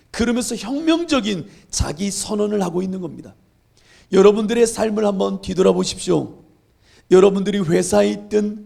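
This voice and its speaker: A man's voice: sits high, vocal fry, warm tone. A male pastor preaching a sermon, asking the congregation questions and acting out Bible scenes. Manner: asks the congregation rhetorical questions.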